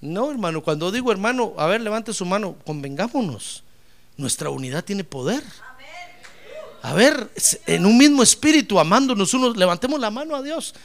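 A man preaching a lively sermon as pastor, acting out little dialogues and swinging from loud to soft. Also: high voice, moderate pace.

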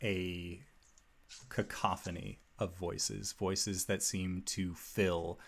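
A man acts as game master for a fantasy tabletop session. His voice is low and creaky, and he takes his time. He describes scenes with suspense and long pauses. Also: little pitch movement.

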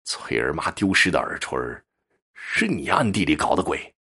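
Furious younger brother, stern and blunt, as a storyteller voices him; low, rough voice. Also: male voice, big pitch swings, normal speed, sharp tone, exaggerated voice. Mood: angry. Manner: angry, stern. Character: hot-tempered younger brother, village man.

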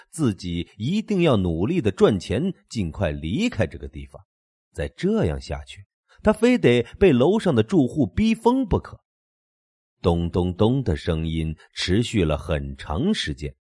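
A man's voice: lowish voice, a little mellow, dry recording, clean studio sound. A man narrating a horror story with dramatic, swinging intonation.

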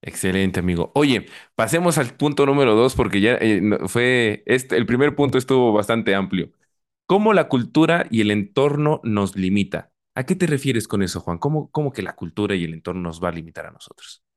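Low-voiced podcast host. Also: male voice, expressive, brisk. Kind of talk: casual podcast interview.

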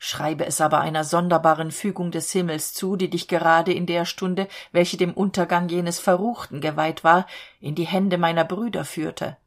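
A woman's voice: on the low side, steady tone, normal speed. A woman reading as a stern robber chief. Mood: apologetic. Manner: wrathful, commanding.

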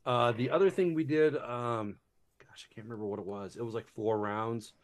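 Man, casual chat, rambling, fillers and restarts, mid-pitched voice. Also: normal speed. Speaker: board game reviewer.

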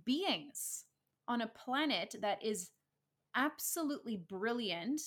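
A woman whose first language is English speaks slowly, her somewhat high, fairly bright voice full of lively intonation. As a podcast co-host, she reflects earnestly on spirituality in casual talk and laughs easily.

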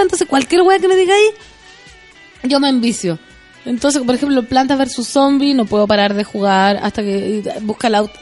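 A young Chilean woman hosting a casual talk show, reading tweets aloud and joking with slang. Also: high voice. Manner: joking, quick and chatty with slang. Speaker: show host.

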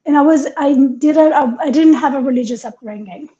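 A woman's voice: high-pitched, fairly quick, dark tone. A woman raised in Italy, co-hosting a casual talk show and speaking earnestly and reflectively. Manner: earnest, reflective, laughs easily. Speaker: co-host, life coach. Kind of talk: casual podcast chat. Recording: dull lo-fi sound.

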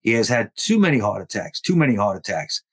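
A man hosting a podcast, reading a letter aloud slowly and then asking his co-hosts questions. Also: fairly low pitch, very animated, slightly rough. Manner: reads quotes aloud slowly, then asks the group questions. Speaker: podcast host. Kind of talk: casual podcast discussion.

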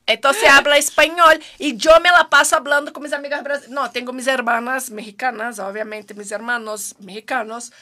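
A woman hosting a casual chat, joking loudly and teasing her guest while tasting food. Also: sits high, fairly even intonation, normal speed, few pauses.

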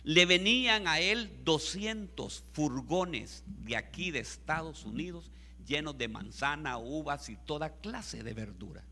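A man's voice: on the high side, expressive, unhurried, pushed and bright. A man preaching a sermon through a story, emphatic and repetitive, often calling his listeners brother and having them repeat phrases after him. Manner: leads the congregation in repeating phrases.

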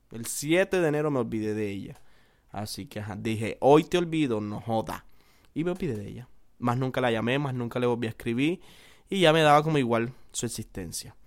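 A young man from the Caribbean coast of Colombia, with its accent, casually telling a personal story in a rambling, self-mocking way. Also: mid-range voice. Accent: Colombian Caribbean coast Spanish.

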